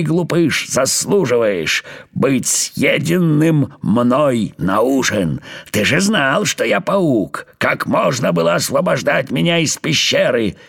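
A big, greedy spider gloats over his prey in slow, menacing words, as a man puts him on for a storybook. The voice is gravelly and husky. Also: mid-range voice, fairly bright tone, pitched above the performer's own voice, heavily acted.

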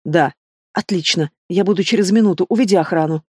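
A reader voicing a defiant, sulky teenage werewolf girl who shouts accusations and turns sarcastic, in a dry close recording. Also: mid-range voice, fairly quick, husky, dry recording, close to an everyday voice. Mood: conspiratorial.

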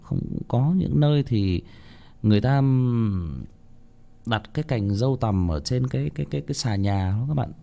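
Man, casual ghost story telling, rambling with restarts, talks right to listeners, expressive rising and falling pitch. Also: gravelly. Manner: rambling, many restarts and repeated words, addresses listeners directly.

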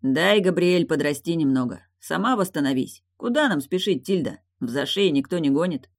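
A woman voicing a patient young husband and new father in an audiobook, staying close to her own low voice. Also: lively intonation, moderate pace. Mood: calm.

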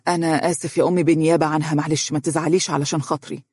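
Narrator doing a gentle, firm young husband. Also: mid-range voice, slightly rough, no echo, studio quality, close to an everyday voice. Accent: Egyptian Arabic. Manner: gentle yet firm, quick. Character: calm, patient young husband.

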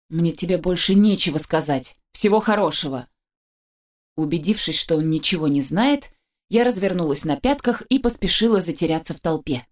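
A woman narrating a first-person story as an audiobook reader, with lively storytelling and a dry wit. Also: fairly low pitch.

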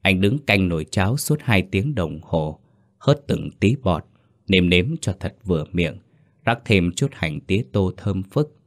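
A man narrating a written story in a slow, solemn way. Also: deep voice, lively intonation, no room sound, studio quality. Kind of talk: scripted ghost-story narration.

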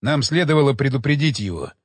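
Man voicing a blunt inspector, terse, lower voice, husky, long reverb. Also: lively intonation, fast. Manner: terse, sharp, dismissive. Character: blunt, harsh male police inspector.

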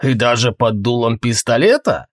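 A man's voice: mid-range voice, animated, moderate pace, no echo, clean studio sound, lightly acted. A man doing a taunting one-eyed thug. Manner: shouting across distance, taunting. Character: one-eyed male thug, mocking and threatening.

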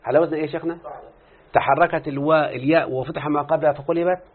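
A man who teaches Arabic morphology speaks very fast in a higher, steady voice with an Egyptian accent. During his grammar lesson he quizzes students and draws answers from them, and the sound is tinny, like a phone call.

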